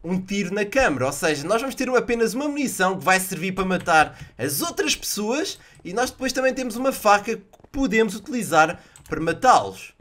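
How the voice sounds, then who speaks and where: A young man from Portugal with a European Portuguese accent, commentating his own gameplay in an excitable way and exclaiming at his misses. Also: high-pitched, a little fast, few pauses. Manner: excitable, exclaims loudly at misses, jokey sound effects. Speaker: gaming youtuber.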